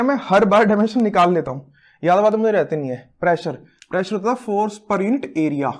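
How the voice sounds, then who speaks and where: A man in his thirties giving a physics lecture, playful and teasing, joking about himself as he works through units. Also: high-pitched. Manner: playful, teasing, self-mocking. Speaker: physics teacher. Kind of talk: recorded classroom lecture.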